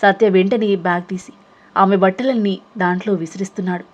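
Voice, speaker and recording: A woman narrates a serialized audio novel in a steady storytelling voice. She holds an even, measured pace from one line to the next. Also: mid-range voice.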